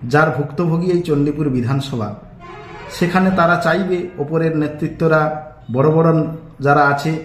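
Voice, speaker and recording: A man's voice: on the high side, darkish tone. A man with a West Bengal Bengali accent making an emphatic, rhetorical political statement to the press. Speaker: local politician. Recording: echoey room with faint music.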